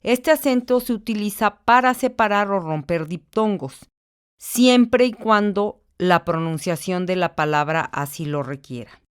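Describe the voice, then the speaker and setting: A woman's voice: mid-range voice, expressive, a little slow, clear, resonant tone. A woman with a Mexican accent, a university instructor giving a recorded lesson, patiently repeating words syllable by syllable. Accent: Mexican Spanish.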